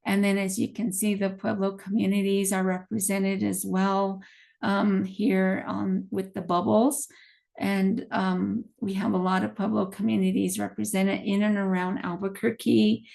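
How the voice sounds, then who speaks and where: A woman walks a community meeting through a health plan's slides. Her voice is gravelly and strained, as she is losing it. She hesitates with frequent ums and restarts. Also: medium pitch, level tone, darkish tone. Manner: halting, many ums, restarts. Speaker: health plan community presenter.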